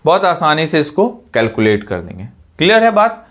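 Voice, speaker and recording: A man's voice: on the high side, wildly swooping pitch, moderate pace, fairly bright tone. A man giving an exam-prep math lesson, explaining step by step and mixing English terms into his talk. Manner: explains step by step, asks and answers his own questions. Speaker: teacher.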